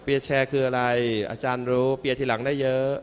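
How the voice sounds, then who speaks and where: A man's voice: mid-range voice, little pitch movement, a little fast, a little mellow, a little hiss or hum. A man giving a humorous, playful sermon to students as a monk preacher, joking and calling his listeners children. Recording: reverberant hall with faint music.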